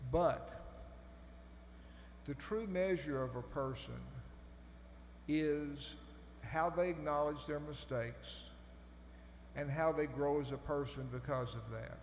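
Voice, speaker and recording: A man giving a formal podium speech as a commencement speaker, deliberate and phrase by phrase, in a large hall. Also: a little high. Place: large hall over a PA system. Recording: echoey hall, humming background noise.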